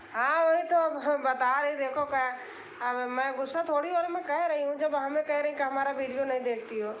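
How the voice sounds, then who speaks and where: A woman's voice: sits high, echoey room, dull audio, slight background noise. A woman from Allahabad, hosting a casual live stream and answering comments in an insistent, repetitive way, explaining herself. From Allahabad, India.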